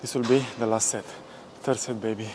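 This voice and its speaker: A man's voice: lowish voice, steady tone, a little fast, background noise. Man talking himself through leg day. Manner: self-motivating, talks between sets. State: out of breath at times. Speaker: fitness vlogger. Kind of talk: casual workout vlog talk. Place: gym.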